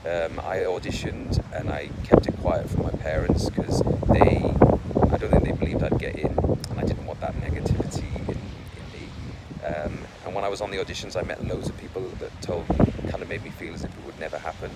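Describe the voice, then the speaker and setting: Low-voiced man over loud wind. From Wales. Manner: hesitant, with many fillers and restarts. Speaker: vlogger. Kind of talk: casual personal talk to camera.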